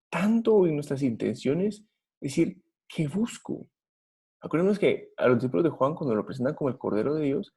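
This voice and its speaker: A man's voice: mid-range voice, vocal fry, dark tone, slightly rough. A man with a Guatemalan Spanish accent preaching a Bible study sermon, earnest and putting rhetorical questions to his listeners.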